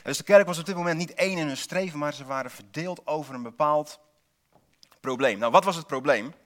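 A man's voice: fairly high pitch, brisk, a bit bright. A man preaching a sermon in a church, posing rhetorical questions and repeating single key words for emphasis, with dry asides to the congregation.

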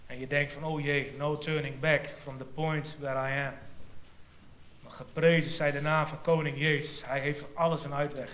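A man's voice: a little high, flat delivery, normal speed, a little hiss or hum. Man preaching in an echoey room. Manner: storytelling, drops to a hush then lifts for quoted lines. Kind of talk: sermon retelling a Bible passage.

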